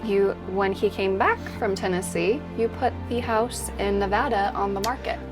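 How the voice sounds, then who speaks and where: Speaking over music at a moderate pace, a woman with a medium-pitched voice co-hosts a travel vlog. She chats casually to camera about life on the road, agreeable and talkative, saying "yeah" a lot.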